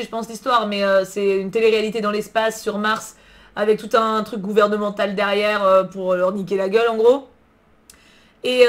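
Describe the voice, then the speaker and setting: A woman streaming live, chatting casually about books, answering her chat and swearing freely in slang. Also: mid-range voice. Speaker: book streamer.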